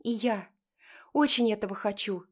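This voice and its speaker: A woman voicing a gentle, hopeful young woman who speaks softly. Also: medium pitch, normal speed, close to an everyday voice. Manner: soft, warm, hopeful.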